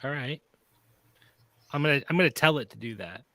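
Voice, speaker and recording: Bright, dry-sounding man chatting casually. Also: medium pitch, lively intonation, a little fast, no echo. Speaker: livestream co-host. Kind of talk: casual group chat on a livestream.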